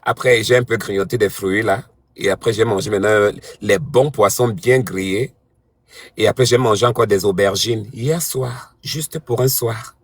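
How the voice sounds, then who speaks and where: A man's voice: on the low side, moderate pace, husky, no room sound. A man hosting a live stream, taunting and mocking a rival in a heated argument.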